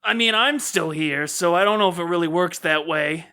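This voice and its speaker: Bright-sounding woman in casual play. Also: lowish voice, moderate pace, clear, resonant tone. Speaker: tabletop game player. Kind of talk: casual improvised roleplay chat.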